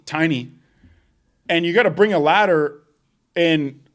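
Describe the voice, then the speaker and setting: A man's voice: a little high, measured pace, fairly bright tone. A young man co-hosting a podcast, telling job stories in casual chat, swearing often and laughing as he goes. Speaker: podcast co-host.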